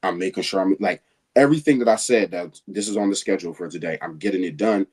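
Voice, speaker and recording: A man's voice: sits low, fast, a little mellow, breathy edge. A man speaking earnestly in a live Q&A, rambling a little and filling his talk with "like". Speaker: guest asking questions. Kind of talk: casual conversation.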